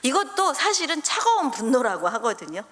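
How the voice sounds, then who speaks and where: A woman delivers a sermon in a church sanctuary, sitting a little high in pitch with a lively, swooping delivery. She tells stories and acts out small scenes directly to the congregation. A long reverb from the hall follows her voice. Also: fairly quick. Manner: animated storyteller who acts out scenes with the congregation. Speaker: pastor's wife preaching.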